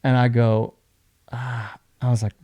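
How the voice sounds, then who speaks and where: A young man telling a story casually as a podcast guest, acting out other people's lines in an animated way. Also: mid-range voice, a little slow, no room sound, highs cut off.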